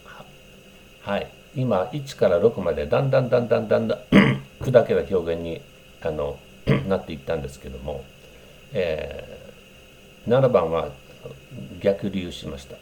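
Brief: male English teacher, low mellow voice, relaxed explainer with lots of fillers. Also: vocal fry, muffled recording, slight background noise. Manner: unhurried, explanatory, many fillers, demonstrates English phrases. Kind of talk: casual spoken lesson on English greetings.

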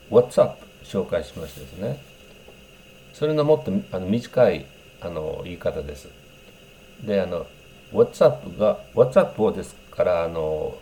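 A man's voice: low voice, mellow. A man explaining English greetings in a casual lesson, thinking aloud with many fillers and breaking into example phrases in English. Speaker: English teacher.

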